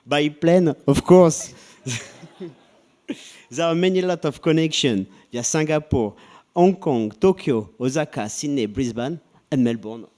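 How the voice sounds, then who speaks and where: A man with a French accent, speaking English as a second language in a light, halting conference presentation. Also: medium pitch, a little mellow. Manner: halting, laughs often. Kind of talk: scripted two-person presentation.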